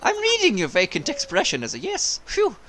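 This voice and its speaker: A man's voice: very high-pitched, huge pitch swings, a little fast, pushed and bright, a little hiss or hum, voice pushed up, full character voice. A man voicing a chatty shipwrecked male seagull sailor with a put-on Irish accent. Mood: cheery.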